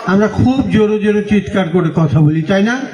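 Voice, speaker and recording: A man with a Bengali accent giving a sermon as a monk, asking the audience questions and answering them himself, telling stories with gentle humor. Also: high voice, crowd noise. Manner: unhurried storytelling with gentle humor. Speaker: monk giving a religious talk. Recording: echoey, dull lo-fi recording.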